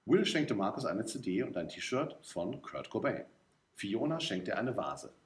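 A man reading a story aloud as narrator, in a lively, expressive way. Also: on the low side, unhurried. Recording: roomy echo.

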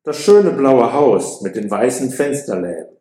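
A man's voice: mid-range voice, very animated, unhurried, dark tone, roomy sound. A man reading an audiobook voices a cautious young friend who speaks in a dry, matter-of-fact way. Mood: knowing.

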